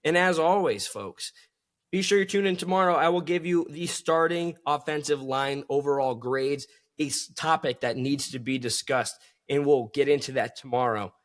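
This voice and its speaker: A man's voice: on the high side, moderate pace. A man hosting a solo sports podcast, talking with enthusiasm and calling his listeners folks.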